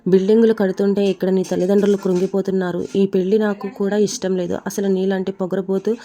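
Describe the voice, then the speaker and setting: A woman's voice: medium pitch, flat delivery, quick pace, dark tone, natural voice. A woman reading the lines of a fierce young village woman, fiery and shaking with anger. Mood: furious.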